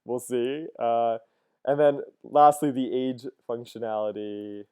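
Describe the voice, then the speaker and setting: Casual thirties male teacher, smooth mellow voice, walks through code aloud. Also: medium pitch, fairly even intonation, slow pace. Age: 30s. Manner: casual, thinks aloud with frequent "uh" and "cool, cool". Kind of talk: screen-recorded coding lesson.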